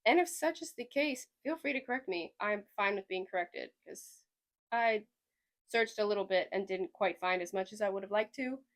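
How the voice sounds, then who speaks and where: At a normal speed and medium pitch, this podcast host keeps things casual. She's a young woman from Sweden with a slight Southern US twang, and her chat rambles along with plenty of hedging.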